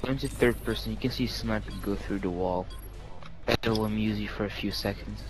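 A man's voice: on the low side, fairly even intonation, normal speed. Young male gamer friend, joking and profane, music-heavy background. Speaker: gaming friend. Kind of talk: casual chat during a game. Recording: game music loud behind. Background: game music.

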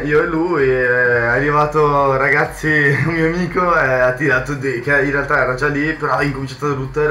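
A man's voice: medium pitch, bright, forceful tone. A young man chatting casually to viewers as the host of a video, indoors at his computer. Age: young adult. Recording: roomy echo, faint background noise.

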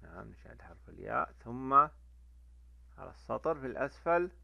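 A man teaching a letter lesson to children, drawing out each sound slowly and repeating it. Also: medium pitch, vocal fry, dry recording. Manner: lively, repeats sounds slowly for young learners. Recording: dull lo-fi dry recording.

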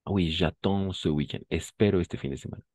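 A man's voice: low voice, fairly even intonation, normal speed, darkish tone, no echo. A man teaching a French lesson, patiently explaining and switching between French and Spanish. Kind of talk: online language lesson.

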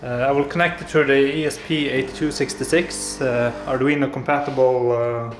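At a moderate pace and steady tone, this medium-pitched hobbyist maker from Norway, a man in his thirties with a Norwegian accent, gives a casual tech demo of a home electronics build. He's soft-spoken and hesitant, leaning on many filler sounds, and faint music plays behind him in the echoey indoor apartment living room and kitchen.

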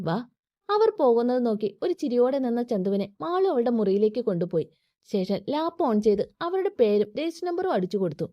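A woman narrating a story in an expressive storytelling manner. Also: on the high side, no echo. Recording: dry, slightly dull audio.

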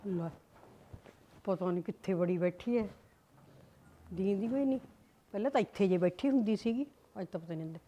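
A woman's voice: medium pitch, fairly quick, long pauses, mellow, lightly acted. A woman playing a nosy, meddling older village aunt, needling with tart remarks. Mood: muttering. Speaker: tai (aunt) in a comedy skit.

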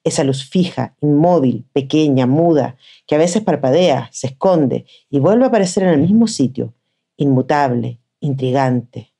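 A woman reading a literary short story aloud in a measured, expressive way. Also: deep voice, gravelly, husky. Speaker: reader of short stories.

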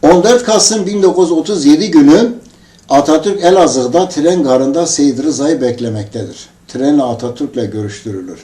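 In an echoey room on a distant mic, a man with a slightly high, warm voice preaches to his congregation at a normal speed. He tells a story in an impassioned sermon, breaking into emphatic, rising outbursts.

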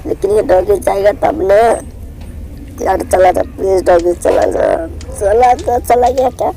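A young man, hoarse from a cold, giving jittery live commentary on a horror game, repeating words in quick bursts. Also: sits high, noisy background. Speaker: gaming channel host.

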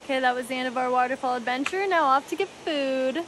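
A woman's voice: high-pitched, quick pace, loud music behind the voice. A young woman in her twenties cheerfully narrating a travel vlog, talking straight to a phone held at arm's length as she tours a tropical lodge. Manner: bubbly and enthusiastic, talking to camera. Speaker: travel vlogger. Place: outdoors in a tropical resort and inside a wooden hut.

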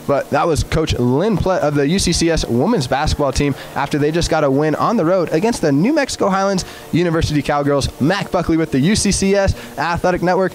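After a game, a young man interviews a coach, sounding eager and upbeat and using lots of fillers. His voice is on the high side and brisk, with few pauses and faint music in the background.

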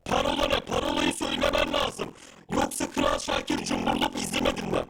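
A group of stubborn male city guards with a huge, rumbling, unnaturally deep voice. They bark short, curt orders at the gate. A Minecraft parody character. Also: monotone, brisk, gravelly, heavy background noise, exaggerated voice. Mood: stern. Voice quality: very deep, pitched-down voice. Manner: curt commands.

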